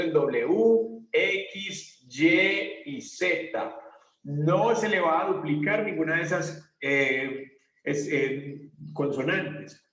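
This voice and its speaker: A man with a high, somewhat bright voice teaches an English grammar lesson, explaining things step by step and answering his own questions. The classroom recording sounds roomy, distant, and dull.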